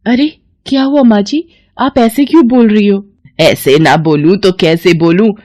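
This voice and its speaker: A woman voicing a harsh older mother-in-law who scolds slowly and loudly in a cartoon story. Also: mid-range voice, no echo, voice pushed up, natural voice. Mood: scolding. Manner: slow, loud, scolding.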